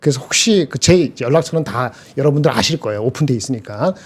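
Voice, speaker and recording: Husky, fast-talking male market commentator. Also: medium pitch, expressive. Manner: rambling, self-correcting. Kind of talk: casual chat.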